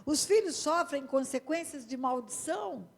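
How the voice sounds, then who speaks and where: A woman's voice: high voice, expressive, moderate pace, creaky. A woman pastor with a Brazilian accent, preaching emphatically and speaking directly to the congregation in a church hall. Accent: Brazilian Portuguese. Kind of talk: sermon.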